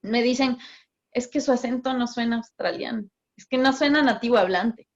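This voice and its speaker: A woman on a video call, explaining in an animated way with examples and laughs. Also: a little high, normal speed. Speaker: guest, migration office worker in Australia. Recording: muffled video call audio.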